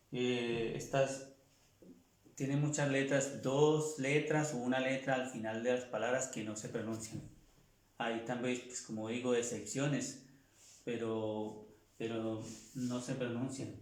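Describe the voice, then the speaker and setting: A man's voice: mid-range voice, darkish tone. A man teaching a French grammar lesson in Spanish, patiently repeating each form while he writes on a board. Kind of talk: slow classroom grammar lesson. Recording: echoey room, voice from far off the mic.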